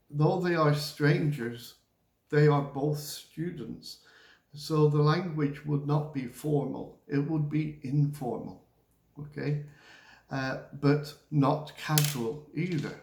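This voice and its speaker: A man's voice: medium pitch, gravelly, darkish tone. A male English teacher giving a lesson, patiently explaining reading aloud and checking in with "okay?" after nearly every point. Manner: acts out example lines with rising and falling tone. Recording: echoey room.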